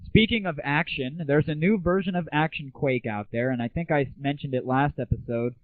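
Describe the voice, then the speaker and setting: A young man with a slightly high voice hosts an internet radio show at normal speed, talking casually about gaming with irreverent sarcasm and plenty of slang. The audio is tinny and phone-like, roomless, in the style of 1990s internet broadcasts.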